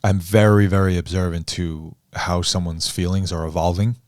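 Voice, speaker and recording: A man with a very low, deep voice speaks in a measured, deliberate way, choosing his phrasing with care. He talks as a coach in a podcast conversation. The sound is close and dry, with no room around it. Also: level tone, a little mellow, no room sound.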